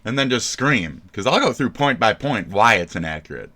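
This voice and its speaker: A man streaming live, ranting in profane, mocking commentary that keeps jumping into loud shouts. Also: lowish voice, very animated, normal speed.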